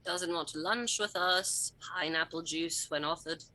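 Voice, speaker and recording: A woman's voice: lowish voice, measured pace, sharp tone, poor audio. A woman voicing a sly, condescending adventurer who teases dryly in a tabletop game. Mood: mocking. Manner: dry, teasing. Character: sly, taunting adventurer with mock-gentle condescension.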